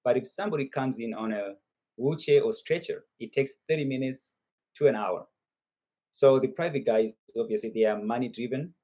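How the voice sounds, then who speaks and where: Speaking at a moderate pace in a warm, medium-pitched voice, a man in his fifties from Zimbabwe shares his story as a guest entrepreneur on a relaxed video call. He's a chatty storyteller who laughs between points, and the audio is lo-fi.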